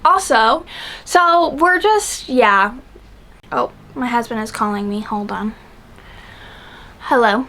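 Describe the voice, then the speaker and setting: Chatty high-voiced young woman. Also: slow pace, pauses often, sharp tone. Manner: chatty, rambling, lots of fillers. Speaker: book channel host. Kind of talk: casual chat to camera.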